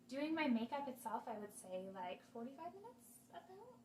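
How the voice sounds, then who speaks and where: A woman's voice: sits high, normal speed, slight background noise. A woman in her twenties answering viewer questions in a casual chat, talking freely with lots of fillers. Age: 20s. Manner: chatty, many fillers, animated retelling. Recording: roomy sound, mic at a distance.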